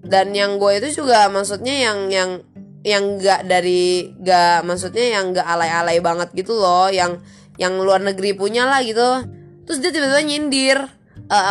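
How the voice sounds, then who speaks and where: A woman's voice: mid-range voice, moderate pace, faint music behind. A young woman, telling a story in a chatty, slangy vlog with exasperated venting. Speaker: vlogger.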